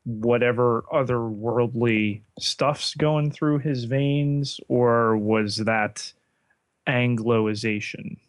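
A man co-hosting a podcast, talking in a measured way and putting questions to his co-host. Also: mid-range voice, clean tone, no echo. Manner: measured, asks questions, many fillers. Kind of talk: casual podcast chat.

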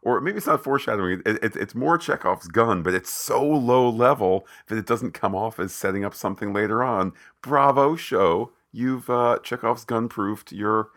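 A man's voice: on the low side, normal speed, few pauses, fairly bright tone. A man co-hosting a podcast, discussing a TV episode in casual chat with a wry, playfully mock-formal manner. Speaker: podcast co-host.

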